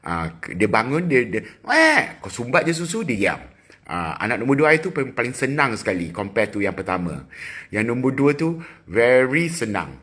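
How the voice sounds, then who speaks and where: Chatty Malaysian man, bright husky voice. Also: mid-range voice, sing-song. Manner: chatty, teasing, quick asides to commenters. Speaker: livestream host. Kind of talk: casual live chat with viewers. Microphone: phone.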